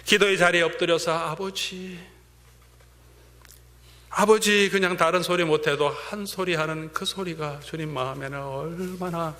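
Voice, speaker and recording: A male pastor preaching a sermon, swinging between fervent emphasis and hushed whispers. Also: fairly high pitch, steady tone, moderate pace, few pauses. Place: church sanctuary. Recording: long church-hall reverb.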